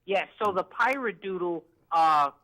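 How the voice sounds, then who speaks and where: Bright-voiced older woman caller. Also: fairly low pitch, expressive, a little slow, low-quality recording. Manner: polite, hesitant, uses "uh" and "yes, sir".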